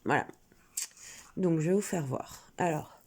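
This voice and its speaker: A woman's voice: low voice, measured pace, darkish tone, slightly rough. A woman with a cold, sniffling now and then, chatting casually and hesitantly with many fillers as she talks through her coloring hobby. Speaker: coloring channel creator. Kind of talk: casual crafting vlog.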